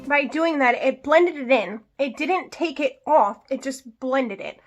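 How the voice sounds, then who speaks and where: A woman's voice: high-pitched, measured pace, muffled recording, loud music behind the voice. A woman vlogger chatting casually through a get-ready-with-me makeup tutorial, explaining each step and adding little asides. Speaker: beauty vlogger.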